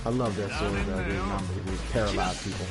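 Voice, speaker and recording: A man's voice: sits low, fairly even intonation, brisk, rough recording. A man in his thirties giving casual let's-play commentary, rambling and laughing often as he acts out screams. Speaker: gaming YouTuber. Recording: game music behind voice.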